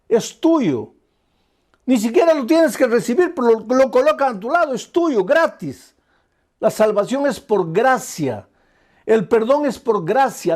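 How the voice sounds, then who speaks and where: A pastor delivers an evening sermon in a noticeably high male voice. He talks straight to the listener in an earnest tone. He stacks up repeated phrases, and his pace keeps shifting between quick runs and slow stresses. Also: a little mellow. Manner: earnest preaching, speaking directly to the listener.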